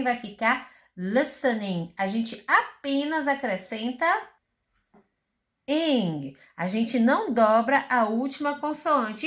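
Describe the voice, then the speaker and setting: Brazilian woman teacher, fairly high voice, slow and patient, asks rhetorical questions. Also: a bit bright. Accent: Brazilian Portuguese. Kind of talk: recorded school lesson.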